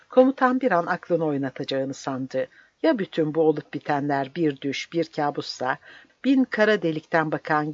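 A narrator reading a novel aloud in a measured, dramatic way. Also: medium pitch, no echo. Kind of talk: audiobook narration. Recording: slightly dull dry recording.

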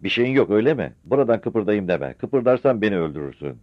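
A man voicing a young male outlaw who shouts urgently, in a dull, dry old radio recording. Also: on the low side, big pitch swings, fairly quick, no echo, voice pushed up. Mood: worried. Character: young male mountain outlaw, fierce and protective of his mother.

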